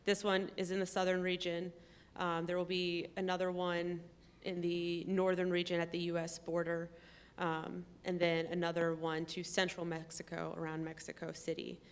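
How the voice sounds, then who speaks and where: A woman in a conversational interview, explaining step by step in a measured way and pausing often with "um". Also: on the low side, clear, resonant tone. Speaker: trip participant.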